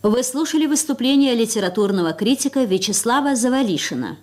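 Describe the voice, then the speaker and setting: A woman radio announcer reading a formal closing announcement in a measured way, heard faint and faraway as over shortwave radio. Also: a little high, animated, a little mellow.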